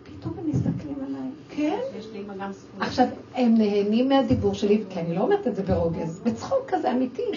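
An older woman giving an emotional religious talk to a group, exclaiming and acting out her own scolding of children. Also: a little high. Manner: animated, exclaiming, acts out quoted scolding. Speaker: speaker addressing a women's audience. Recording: distant, dull lo-fi with faint noise.

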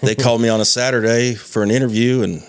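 A man in his thirties talking casually as a podcast guest, relaxed and swearing freely. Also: mid-range voice, fast, clear, resonant tone, no echo, clean studio sound. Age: 30s. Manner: laid-back, swears casually.

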